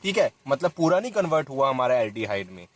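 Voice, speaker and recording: A man's voice: medium pitch, sing-song, fast talker. A young man teaching a chemistry lesson, talking straight to his students and stopping to correct himself as he writes formulas. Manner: addresses students directly, repeats and self-corrects while writing. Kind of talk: chalk-talk lesson explaining a reaction.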